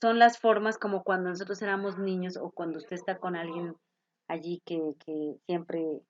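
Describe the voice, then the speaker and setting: A woman's voice: on the low side, level tone, normal speed, no room sound, muffled recording. A woman teacher explaining grammar to a class, patiently checking in with her students as she goes. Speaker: English teacher.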